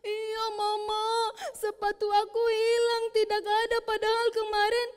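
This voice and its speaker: A woman voicing a tearful little boy who has lost his shoes, pleading in a high voice. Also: completely flat delivery, measured pace, faint music behind. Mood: upset, tearful.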